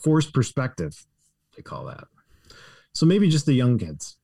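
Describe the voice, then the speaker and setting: A man's voice: medium pitch, wildly swooping pitch, unhurried, gravelly, warm tone, slightly rough, no room sound, studio quality. A man co-hosting a sports podcast, reading listener questions aloud and chatting casually with a joking tone. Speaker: podcast co-host.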